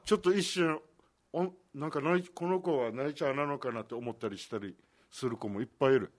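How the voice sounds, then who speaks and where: An older man, chatting in a relaxed, folksy way and mixing in local dialect. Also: medium pitch, fast talker, dry recording. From Okinawa. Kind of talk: casual chat.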